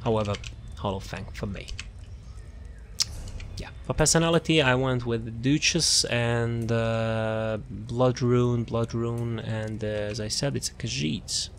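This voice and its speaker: A man slowly narrates a casual, unscripted walkthrough of a video game build, his gravelly, medium-pitched voice keeping a steady tone. He rambles, repeating words and phrases as he looks around. Background music and slight background noise are present.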